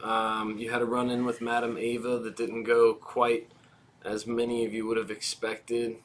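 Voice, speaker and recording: A man's voice: medium pitch, monotone, moderate pace. A man running a tabletop game as its dungeon master, recapping in an easygoing way over a video call.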